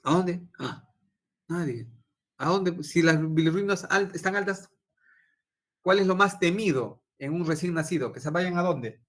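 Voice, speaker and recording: A man's voice: high voice, normal speed, a bit bright. A young adult man, a doctor teaching a physiology class, tells a personal story and quizzes his students, ending many phrases with "¿no?". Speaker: physiology lecturer and intensive care doctor. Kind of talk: informal lecture with personal anecdote.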